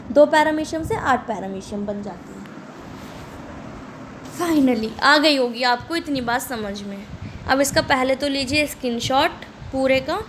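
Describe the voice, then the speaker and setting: A woman's voice: sits high, a little hiss or hum. A woman teaching a class who keeps asking her students questions and answering them herself. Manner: repeats questions back to students. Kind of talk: lecture.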